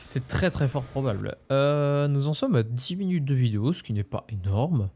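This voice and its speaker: A man with an average-pitched voice hosts a game playthrough. He comments casually and chats with the other players. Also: lively intonation, moderate pace, mellow, a little hiss or hum. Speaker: video game playthrough host. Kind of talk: casual group gaming commentary.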